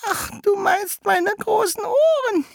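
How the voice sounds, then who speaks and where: A wolf shrieks in a wobbling falsetto, pretending to be a frail old grandmother. The delivery is overblown and comic, swooping wildly in pitch. Dry, close recording. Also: lively intonation, takes it slowly, vocal fry, no echo, exaggerated voice. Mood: shrill. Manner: squeaky, exaggerated, crying falsetto. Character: male wolf faking a shrill old granny voice.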